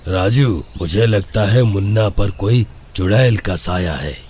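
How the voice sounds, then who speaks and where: A man voicing a gruff old village grandfather in a cartoon story. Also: fairly low pitch, a little slow, darkish tone, slight background noise, close to an everyday voice.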